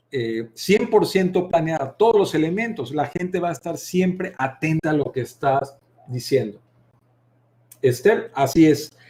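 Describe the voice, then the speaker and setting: Hosting a live masterclass online, this Mexican man teaches public speaking in a Mexican Spanish accent. His lively, expressive delivery plays with loudness, pitch and speed on purpose to demonstrate technique, and he speaks right to his audience.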